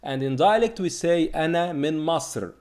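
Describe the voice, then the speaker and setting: Male teacher, lively, sing-song delivery, slow drilling repetitions for beginners. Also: on the high side. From Egypt. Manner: slow, repeated drilling of words. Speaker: Arabic teacher. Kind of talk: language lesson.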